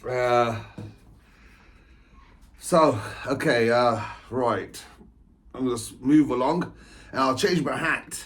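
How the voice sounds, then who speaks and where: An English author and spiritual coach in his 40s rambles through a personal monologue, chatty and digressive, laughing often and repeating phrases. His mid-range voice is a bit bright, and he speaks slowly with frequent pauses.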